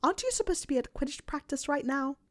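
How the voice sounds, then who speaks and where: A woman reading aloud, voicing a clever, bossy teenage witch who is prim and quick to lose patience. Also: sits high, lively intonation, voice pushed up. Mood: exasperated. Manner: prim, exasperated, quick-tempered.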